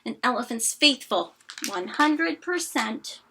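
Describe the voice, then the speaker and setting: A woman's voice: fairly high pitch, animated, slow pace, pushed and bright, slight background noise, full character voice, rough recording. A woman voicing a sad, long-suffering male elephant who speaks in earnest, steadfast declarations for a storybook.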